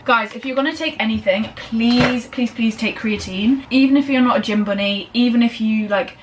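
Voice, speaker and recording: A young woman chatting casually in a vlog, rambling and bubbly, fast and breathless after a workout, filmed in her kitchen. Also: fairly high pitch. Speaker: lifestyle vlogger. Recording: slightly distant camera audio with faint room noise.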